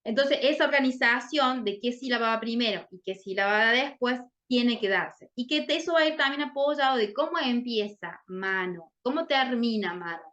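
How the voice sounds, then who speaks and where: Bright-voiced woman explaining a lesson. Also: on the high side, animated, moderate pace, hardly any pauses, muffled recording. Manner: checks in often with "¿sí?". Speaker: literacy teacher explaining a case.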